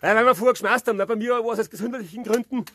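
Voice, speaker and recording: A man's voice: extremely high pitch, steady tone, very fast, a bit bright. A man in his thirties with a Bavarian accent, chatting and giving his opinions to a handheld camera as he walks a rocky forest trail in winter. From Lower Bavaria, Germany. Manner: chatty, opinionated, talks to camera while hiking. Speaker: vlogger, hiking channel host. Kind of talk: casual outdoor chat to camera. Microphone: handheld camera at arm's length.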